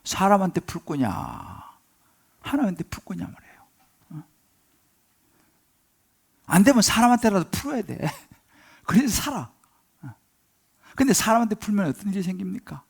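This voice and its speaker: Male pastor, high gravelly voice, dramatic sermon with pleading outbursts and hushed asides. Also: big pitch swings, moderate pace, long pauses. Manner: dramatic, acts out pleading prayers, drops to whispers. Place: church sanctuary.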